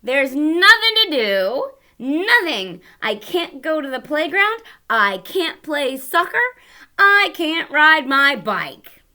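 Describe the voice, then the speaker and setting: A woman doing a loud, whiny grumpy little boy. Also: very high voice, very animated, slow, pitched above the performer's own voice, heavily acted. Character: grumpy bored young boy stuck indoors.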